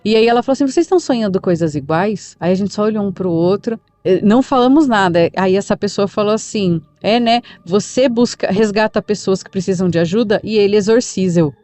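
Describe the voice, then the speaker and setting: A woman with a Brazilian accent retells a listener's supernatural experience as a podcast narrator. She speaks in a calm, conversational manner with everyday fillers, her voice mellow and soft-edged. The sound is dry and close. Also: mid-range voice, brisk, few pauses, no room sound.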